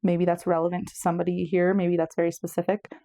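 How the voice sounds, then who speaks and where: Speaking fast in a completely flat delivery, a woman with a fairly low, dark voice gives a casual pick-a-card tarot reading. Her talk is chatty and meandering, full of self-corrections, and she's a bit out of breath.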